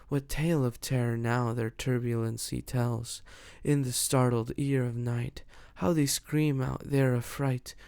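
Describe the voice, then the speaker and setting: A man giving a slow, measured, rhythmic dramatic reading of poetry as an audiobook narrator. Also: medium pitch, creaky, darkish tone, no echo. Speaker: audiobook reader.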